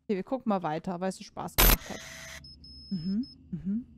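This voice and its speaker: A woman's voice: mid-range voice, animated, normal speed, very noisy. A woman giving casual let's-play commentary on a horror game, chatting to herself and viewers, cursing and exclaiming when something startles her. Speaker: gaming streamer.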